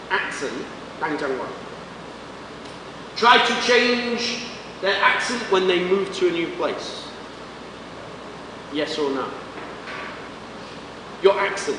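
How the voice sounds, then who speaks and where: A man from England with a Manchester accent teaches English to a class in short, simple sentences, quizzing his students. His voice is high-pitched, and he is far from the mic, recorded in an echoey classroom with background hiss.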